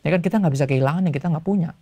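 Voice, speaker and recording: A male pastor giving a casual sermon to young people, telling stories in relaxed everyday slang. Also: on the high side, racing, no echo. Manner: chatty storytelling in everyday slang; acts out voices in quotes.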